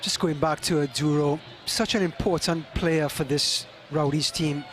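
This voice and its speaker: A man working as a color commentator, explaining plays and players in a measured, analytical way. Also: on the high side, fairly even intonation, a bit bright. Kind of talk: live soccer analysis.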